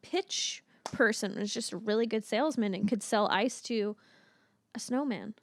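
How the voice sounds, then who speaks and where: A woman's voice: medium pitch, moderate pace, slight background noise. A woman co-hosting a movie review podcast in casual, opinionated chat, swearing casually. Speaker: podcast co-host.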